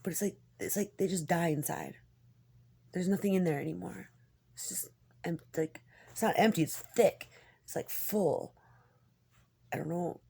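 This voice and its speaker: Woman, husky and breathy, dark soft tone, halting confessional rambling, casual and candid. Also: lowish voice. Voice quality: husky, gravelly, often breaking into a whisper. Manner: halting, hesitant, candid, swearing. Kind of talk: rambling personal monologue, casual confessional talk.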